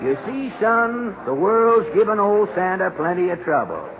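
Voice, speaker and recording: A man's voice: high-pitched, big pitch swings, measured pace, exaggerated voice. A man playing a weary, folksy, grumbling old Santa Claus in 1940s radio comedy. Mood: folksy, put-upon. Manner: folksy rustic speech, grumbling. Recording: scratchy, tinny 1940s radio broadcast.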